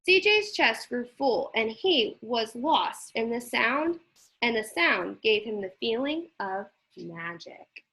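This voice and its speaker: A woman narrating a children's picture book aloud in an expressive storytelling style. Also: on the high side, takes it slowly, poor audio. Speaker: teacher reading aloud.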